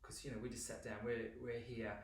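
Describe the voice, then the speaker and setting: A man hosts a casual interview, asking long, rambling questions and nodding along with quick affirmations. His voice sits at a medium pitch. He sounds distant from the mic in a roomy space. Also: level tone. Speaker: interviewer host.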